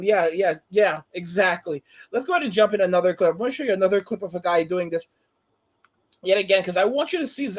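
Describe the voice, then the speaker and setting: A man in his late thirties hosting his own channel, giving casual rambling commentary and often restarting his phrases. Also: high voice. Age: 30s. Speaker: channel host.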